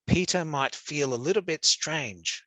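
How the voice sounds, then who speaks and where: An Australian man leads an interactive lesson with a cheerful, joking energy, encouraging students with points. His voice sits a little high and rings bright. The sound is dry and close, with no room around it. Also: measured pace, no room sound. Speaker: teacher. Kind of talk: interactive classroom teaching.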